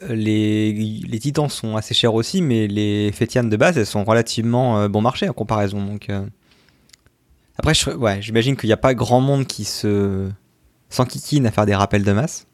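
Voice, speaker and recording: A man's voice: lowish voice, moderate pace, a little mellow, no room sound, studio quality. A man hosting a casual tech podcast, chatty and hesitant, with many fillers. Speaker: podcast host. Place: lives in Sweden.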